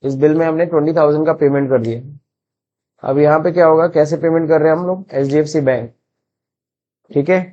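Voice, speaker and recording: Indian guy teaching accounts software, hindi-english mix, slightly high voice, muffled lo-fi sound. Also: fairly even intonation, a little fast, long pauses. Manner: mixes Hindi and English, asks and answers his own questions. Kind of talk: screen-recorded classroom lesson.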